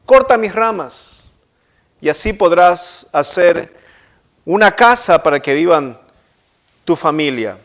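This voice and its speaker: A man voicing a gentle, generous old apple tree that speaks tenderly and pleadingly in a sermon story. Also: high voice, expressive, slow, pauses often, full character voice.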